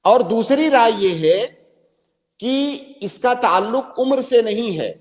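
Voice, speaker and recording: A man's voice: very high voice, lively intonation, long reverb tail. A male Islamic scholar answering viewers' questions on a live stream, his voice coming through a choppy online call that keeps cutting out. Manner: explains slowly and patiently, repeating key points. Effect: choppy online call audio that cuts out and stutters. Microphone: remote online call.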